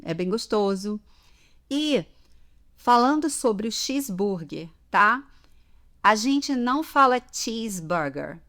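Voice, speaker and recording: Her voice sits a little high and sounds animated and a bit bright, and she takes it slowly with long pauses. This Brazilian language teacher, speaking with a Brazilian Portuguese accent, gives a chatty podcast lesson on everyday customs, using examples and frequent "tá?" check-ins.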